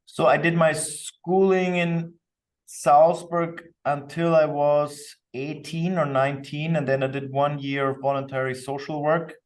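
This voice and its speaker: An Austrian man, a company co-founder, appears as a podcast guest and explains himself in a relaxed, thoughtful interview manner. His voice is fairly high, his delivery flat and a little slow, and the mic is distant.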